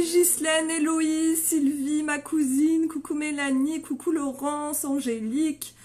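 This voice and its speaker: A bright, high-pitched woman in her thirties talks with bubbly excitement, greeting viewers one by one on a casual live stream. Her nose is stuffed up from a sinus infection, which gives her voice a congested edge.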